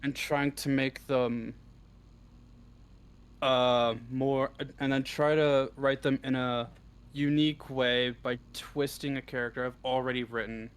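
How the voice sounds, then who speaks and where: A man who writes audio roleplay scripts is the guest writer in a casual interview, hesitating and thinking aloud as he answers. His mid-range voice is unhurried with fairly even intonation, and the background is clearly noisy.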